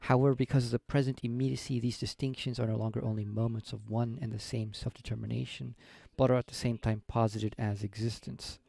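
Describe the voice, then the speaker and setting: A man in an informal philosophy discussion, reading aloud and thinking out loud in a low, unhurried, halting way. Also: flat delivery, creaky, dry recording. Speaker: reading group member leading the discussion. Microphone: voice call microphone.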